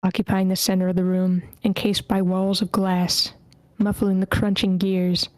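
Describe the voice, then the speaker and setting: A woman reading a screenplay's scene directions aloud at an online table read, steady but stumbling over character names. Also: medium pitch, moderate pace, no room sound. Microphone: computer mic in an online meeting.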